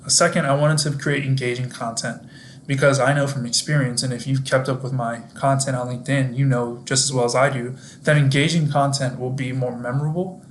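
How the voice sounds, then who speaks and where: A young man speaks straight to the viewer, presenting his work in a scripted, explanatory way. His pitch stays mid-range and quite flat, with little melody. There is a faint hiss of background noise behind him. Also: a little fast. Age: young adult. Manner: upbeat, explanatory, addresses viewers directly.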